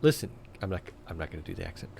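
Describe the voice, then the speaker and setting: A man streaming a game live, chatting casually and reading the in-game dialogue aloud while his voice is going hoarse. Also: low voice, big pitch swings, very fast, a little mellow, a little hiss or hum. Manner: casual, chatty, laughs often, reads dialogue in plain voice. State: losing his voice, coughing.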